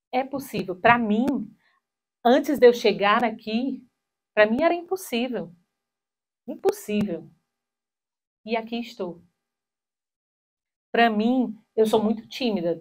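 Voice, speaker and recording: A woman in her thirties giving a spiritual talk with personal stories on a handheld mic in a small hall, animated and acting out quoted voices. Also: mid-range voice.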